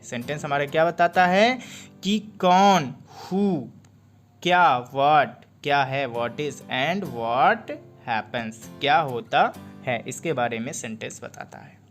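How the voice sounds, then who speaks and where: A man teaching a grammar lesson. He reads English definitions slowly, explains them in Hindi, and asks questions he then answers himself. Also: a little high.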